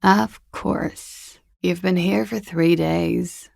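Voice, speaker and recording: Klaasje, husky, creaky, jaded flirt. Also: female voice, lowish voice, fairly even intonation, drawn-out words, darkish tone, dry recording, studio quality, exaggerated voice. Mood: wry, polite. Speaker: video game character. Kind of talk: video game dialogue.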